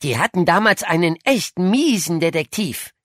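A woman's voice: on the low side, animated, normal speed, dry recording, studio quality. A woman voicing a clever, boastful young boy in an audiobook, speaking eagerly and sure of himself. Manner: eager, self-assured storytelling. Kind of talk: audiobook dialogue reading.

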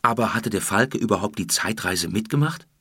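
A man narrating a children's adventure story from a script, in a steady storytelling manner. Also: fairly low pitch, normal speed, husky, no echo, clean studio sound. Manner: steady storytelling, voicing characters. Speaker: audiobook narrator.

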